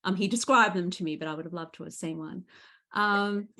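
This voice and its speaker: Speaking on the low side and a little fast, an Australian woman shares stories as a guest author. The interview is casual, and her telling is spirited and enthusiastic.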